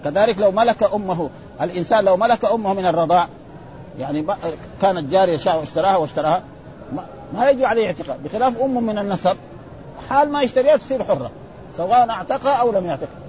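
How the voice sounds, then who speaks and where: A man's voice: high voice, lively intonation, rapid-fire, darkish tone, a little hiss or hum. A man teaching a lesson, reading classical texts and explaining them in colloquial asides, with frequent "ha" fillers and self-corrections. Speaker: religious teacher. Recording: slightly dull lo-fi recording.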